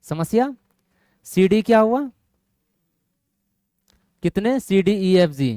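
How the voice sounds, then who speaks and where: A man's voice: high-pitched, expressive, takes it slowly, mellow, no echo, studio quality. A male math teacher lecturing a classroom of students, often quizzing them and asking if they follow. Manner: quizzes students, keeps asking "getting my point?".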